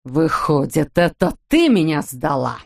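A woman reading an audiobook voices a furious, brutal middle-aged father who growls slowly and menacingly. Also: on the high side. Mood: raging.

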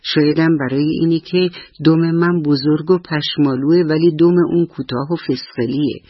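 A woman storyteller voicing a lonely little boy squirrel in a radio story, in a husky, plaintive way. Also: low-pitched, fairly even intonation, dry recording, dull audio. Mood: sad, puzzled.

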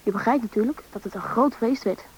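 In a scripted radio play, a woman voices a child companion who looks back and narrates the story of a rescue adventure. Her narration is a little high and a little fast, with a darkish, husky tone. The broadcast sounds dull and old, with faint hiss.

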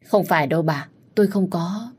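A woman's voice: on the low side, normal speed, a little mellow, slightly rough. A woman voicing an anxious, deferential housemaid who pleads and defends herself. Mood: pleading.

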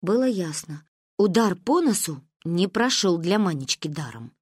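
A woman narrating a humorous story in a lively, expressive reading. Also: lowish voice, a little slow, slightly rough, no echo, clean studio sound.

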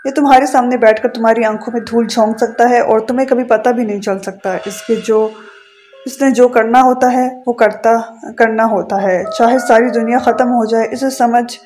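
A woman reading the part of an older father lecturing his daughter-in-law in a measured, knowing way. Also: a little high, steady tone, darkish tone, soft background music, close to an everyday voice.

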